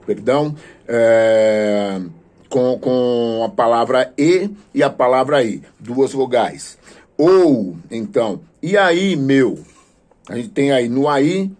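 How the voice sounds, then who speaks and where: A man gives a church-based grammar lesson, his voice sitting at an ordinary middle pitch. He hesitates often, filling gaps with drawn-out sounds, then explains each point in a patient, teacherly way. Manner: hesitant, many filler sounds and restarts, then steady explaining. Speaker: teacher of Portuguese for a theology course. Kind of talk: classroom lesson with prayerful asides.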